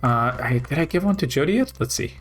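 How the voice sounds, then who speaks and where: A man's voice: mid-range voice, lively intonation, fast talker, soft background music. A man casually commenting while playing a video game, rambling and thinking aloud with many fillers. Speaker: gaming video host.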